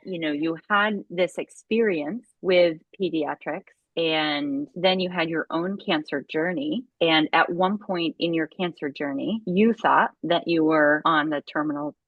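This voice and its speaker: Low-pitched woman interviewer, dry dull sound. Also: a little slow, hardly any pauses, no room sound. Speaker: podcast host, interviewer. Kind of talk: conversational interviewing.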